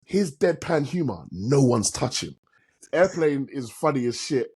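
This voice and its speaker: A man's voice: mid-range voice, sing-song, a little slow, darkish tone, slightly rough. A man with a London roadman accent chatting casually as a podcast host, emphatic and full of slang and swearing.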